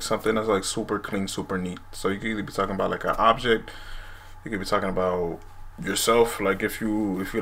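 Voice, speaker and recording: A man's voice: on the low side, creaky, a bit bright. A man in his twenties explaining words casually to a camera at home. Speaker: language video host. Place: small room at home, indoors. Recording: noisy room recording.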